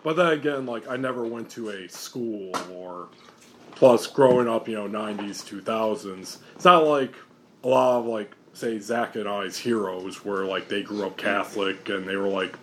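A man's voice: fairly low pitch, moderate pace, slight background noise. A young American man hosting a podcast as a casual, informal interview, calling his guest bro and man. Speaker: podcast host.

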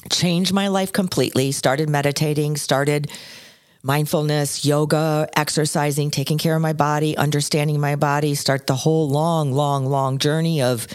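A woman in her sixties, co-hosting a podcast and telling personal stories with lively swings in her voice. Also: moderate pace, clear, resonant tone, no room sound, studio quality. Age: 60s. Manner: expressive storyteller, swings between low and high pitch. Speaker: podcast co-host. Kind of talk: casual chat.

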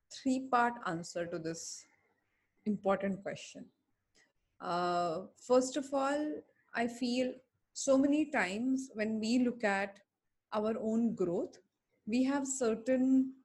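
A woman explains things in a deliberate, reflective way, like a coach in conversation. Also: a little high, darkish tone. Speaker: coach giving advice.

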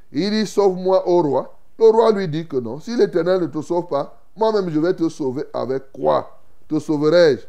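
A man with a high voice preaches an animated sermon. He acts out Bible scenes with sudden loud outbursts and drops into folksy asides to his listeners. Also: creaky.

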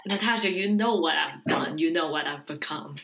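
A woman playing a gruff, sardonic male archer hero weighed down by guilt in an amateur script read-through. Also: low voice, normal speed, fairly bright tone, a little hiss or hum. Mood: gruff, guilty.

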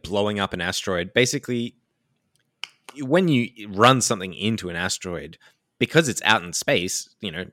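A man with a very low but bright, forceful voice chats casually, explaining with animated enthusiasm and frequent fillers. The sound is dry and close to the mic. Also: dry recording. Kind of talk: casual chat.

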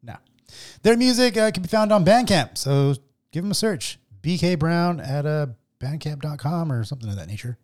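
A man hosting a podcast in casual chat, animated, laughing often and swearing casually. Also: fairly high pitch, moderate pace. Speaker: podcast host.

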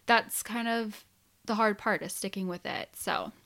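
A woman's voice: medium pitch, expressive, a little slow, creaky, a bit bright. Chatty, enthusiastic woman podcast host. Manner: chatty, enthusiastic, heavy use of "like". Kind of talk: casual podcast chat.

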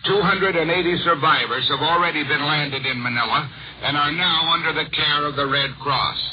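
A man delivers a formal 1940s radio news report like an old-time announcer, his voice a little high. The sound is a muffled vintage shortwave broadcast with faint noise behind it. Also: normal speed. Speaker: radio war correspondent.

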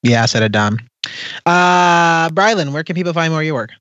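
A man's voice: a little high, lively intonation, brisk, a bit bright, no room sound, muffled recording. A man hosting a podcast in casual, chatty style. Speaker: podcast host.

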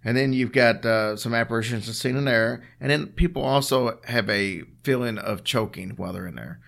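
A man's voice: medium pitch, moderate pace, creaky, fairly bright tone. A man co-hosting a show, telling stories in a casual, chatty way with a dry, teasing manner. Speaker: podcast co-host telling ghost stories. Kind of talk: casual storytelling chat.

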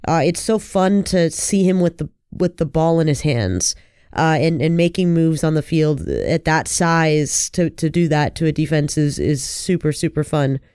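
Man, slight cold, clear voice, dry recording, earnest casual sports commentary. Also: fairly high pitch, unhurried, a little mellow, no echo. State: under the weather with a cold. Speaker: sports podcast co-host.

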